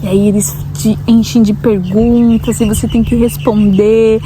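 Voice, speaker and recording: A woman's voice: fairly high pitch, flat delivery, measured pace. A young woman from Brazil, vlogging in casual talk to the camera and often asking viewers questions. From Brazil, Santa Catarina. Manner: chatty, asks viewers directly, frequent tag questions. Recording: noticeable background noise.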